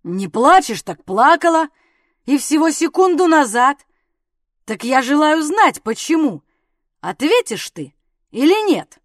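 A woman reading an audiobook voices a drunken, brutish gentleman who shouts and blusters at his wife. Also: high-pitched, moderate pace, no room sound, studio quality, natural voice. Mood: drunk bullying. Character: drunken brutish English gentleman husband, bullying.

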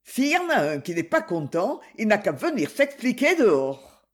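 A reader voicing a brutish, burly man from a bar who talks gruffly and threatens in an audiobook. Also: medium pitch, very animated, moderate pace, natural voice. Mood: sullen. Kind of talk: audiobook reading.

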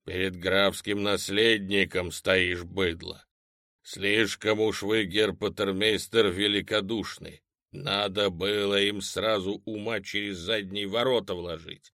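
A man playing a gruff, commanding army captain who barks brusque orders. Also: sits low, steady tone, slow, sharp tone, no room sound, studio quality, exaggerated voice. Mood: stern.

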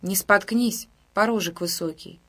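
A woman voicing a lonely young village woman of twenty-three, speaking softly and coaxingly. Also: medium pitch, measured pace. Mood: tender. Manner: soft, hushed and coaxing.

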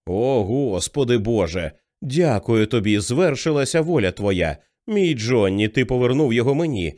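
A man's voice: medium pitch, animated, normal speed, a little mellow, lightly acted. A man reading the part of a middle-aged religious mother, fervent and rising to hysterical cries. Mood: ecstatic. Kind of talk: audiobook character reading.

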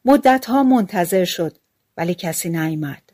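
A woman narrating a fairy-tale audiobook in a calm, even storytelling manner, using relaxed everyday speech. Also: on the low side, no room sound.

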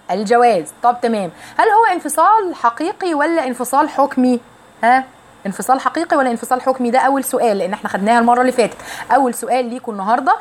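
A woman with an Egyptian Arabic accent teaching Quran recitation rules to women, explaining each rule, reciting verses slowly and drawn out, and putting questions to her listeners. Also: a little high, slight background noise. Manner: asks the listeners questions directly. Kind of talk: tajweed lesson for women.

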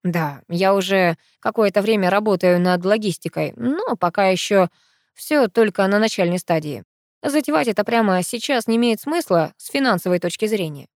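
A woman reading the part of a remorseful grown male professor, speaking low, calm and earnest in an audiobook. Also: moderate pace, dry recording, studio quality, close to an everyday voice. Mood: measured.

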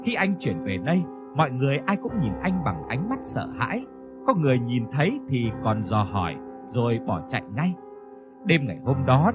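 Man, ghost story narration, lively pitch, faint instrumental music. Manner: storytelling, voices the characters.

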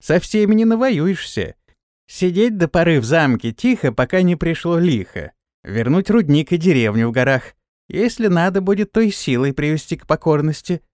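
A man voicing a blunt, sharp-tongued female servant who scolds and lectures, in a raised voice. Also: fairly high pitch, big pitch swings, normal speed, no echo, clean studio sound, pitched above the performer's own voice. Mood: lecturing. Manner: scolding, preachy.

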